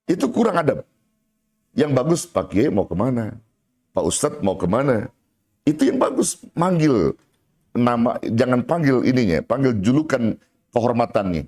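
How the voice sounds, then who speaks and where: A man's voice: mid-range voice, a little mellow. A man from Indonesia preaching a sermon, acting out little dialogues between students and teacher and mixing colloquial speech with Arabic terms. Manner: colloquial Jakarta slang mixed with Arabic terms.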